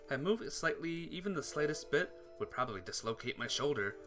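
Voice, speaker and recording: A man streams himself playing a visual novel, commenting casually and reading the game's text aloud, sometimes stumbling and correcting himself. He talks briskly in a voice on the high side with lively intonation. Game music plays behind him.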